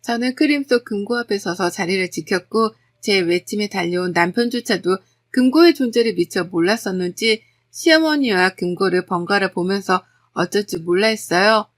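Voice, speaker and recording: Lady reading out a personal story, calm even polite tone, mid pitch. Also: normal speed, hardly any pauses. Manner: steady, polite storytelling read. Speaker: narrator. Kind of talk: scripted first-person story narration.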